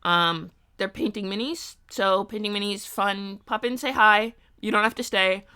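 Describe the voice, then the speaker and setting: Sleepy, rambling woman streamer, bright voice. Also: medium pitch, normal speed, clear, resonant tone. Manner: rambling, many ums and uhs, thinking aloud. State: tired, sleepy. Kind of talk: casual live-stream chat. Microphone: streaming mic.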